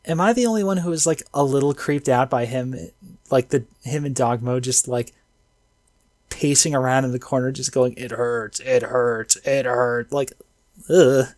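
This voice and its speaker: A man chatting casually about an anime episode, excitable and slangy, full of fillers. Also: medium pitch, moderate pace, no echo, clean studio sound. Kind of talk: casual anime review chat.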